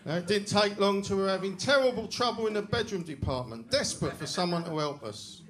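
A middle-aged man with a London accent doing a deadpan, self-deprecating stand-up set on a club stage, speaking into a handheld mic. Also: high voice, fast talker. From England. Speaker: stand-up comedian. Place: comedy club stage with a live audience. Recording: loud audience laughter in a club.

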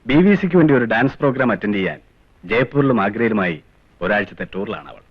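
An actor playing a brisk, matter-of-fact security officer. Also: male voice, on the low side, animated, breathy edge. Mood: explaining. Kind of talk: 1990s film dialogue. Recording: dull lo-fi film soundtrack.

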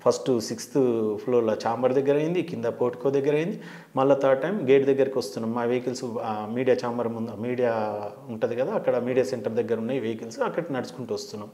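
A man's voice: mid-range voice, quick pace, mellow. A man with a Telangana Telugu accent recounting a heated incident in an interview, acting out the quoted exchanges. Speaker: journalist interviewee. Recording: roomy echo.

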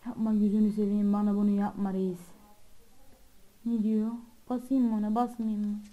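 A woman's voice: mid-range voice, level tone, moderate pace, narrow, tinny audio. A woman hosting a channel, giving frightened, pleading let's-play commentary on a horror game and swearing often. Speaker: gamer and channel host.

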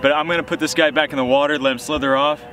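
A young man talks very fast in a fairly high, fairly even, slightly bright voice as he hosts his fishing vlog at night from a small lake boat. He's chatty and upbeat, showing off catches in relaxed outdoor narration, with music clearly present in the recording.

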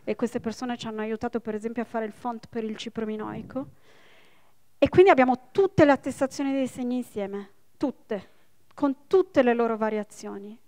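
A woman in her forties, a linguist giving a public lecture, explaining step by step with quick asides to the audience. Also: fairly high pitch, darkish tone. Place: public library event hall.

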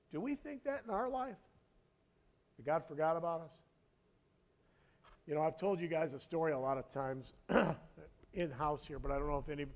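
Male pastor with a fairly high voice, live sermon, halting storyteller who swells into emphatic preaching. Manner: earnest, halting storyteller with many restarts; builds to loud, emphatic preaching. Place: church sanctuary.

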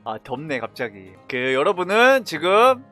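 A man streaming a battle game, chatting casually with viewers in a playful, boastful, teasing way and breaking into sudden shouts. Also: on the high side, very animated, unhurried, faint music behind. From Korea. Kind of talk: casual gameplay commentary.

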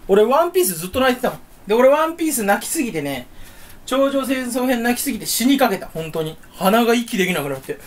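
A man's voice: very high voice, sing-song, fast talker. Goofy young man rambling to himself. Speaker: YouTuber. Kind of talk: solo casual chat to camera. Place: room at home, standing.

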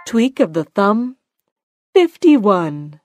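A woman working as a bingo caller, announcing each call deliberately in short, separate phrases. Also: medium pitch, very animated. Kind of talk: bingo calling with rhyming nicknames, announced number by number. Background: music.

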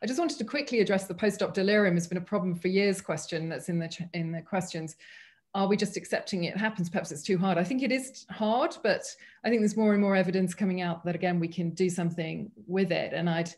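A woman serves as a panelist in a medical webinar over a video call, speaking thoughtfully and earnestly with frequent restarts. Her voice is lowish and a little mellow, and she talks at a quick pace.

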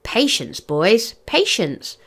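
Woman reading cocky schoolboy, teasing, playful, lifted pitch. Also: big pitch swings, takes it slowly, fairly bright tone, heavily acted. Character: cocky schoolboy who teases his friends.

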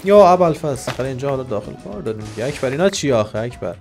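A man giving excitable, joking commentary over a game, shouting and trash-talking the monsters. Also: medium pitch, soft background music. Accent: Iranian Persian. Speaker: gaming YouTuber. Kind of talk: Minecraft let's-play commentary.

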